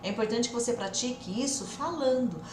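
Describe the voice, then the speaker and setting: A woman English teacher with an interior São Paulo Brazilian Portuguese accent, giving an energetic live online lesson and drilling phrases slowly and repeatedly. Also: on the high side, roomy sound, background noise. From interior of São Paulo state, Brazil.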